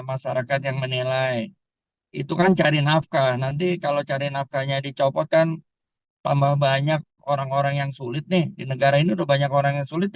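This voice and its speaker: A man's voice: on the high side, dry recording, muffled recording. A man, a criminal law expert, answering interview questions in an emphatic, explanatory way. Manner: emphatic, explanatory, repeats "kan" and "tuh".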